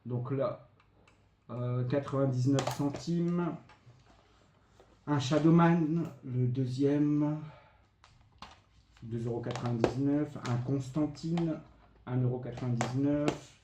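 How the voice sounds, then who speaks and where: Slow and mellow, with a mid-range voice and frequent pauses, a man presents retro games he bought in a casual show-and-tell. He's a collector vlogger who lists items and prices chattily, full of fillers. The recording has an echoey room and faint background noise.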